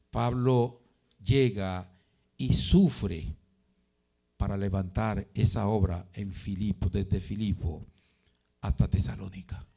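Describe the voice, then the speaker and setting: A man's voice: lowish voice, vocal fry, dark tone, slightly rough. A man preaching a sermon in church, asking rhetorical questions, answering them himself and repeating phrases for emphasis.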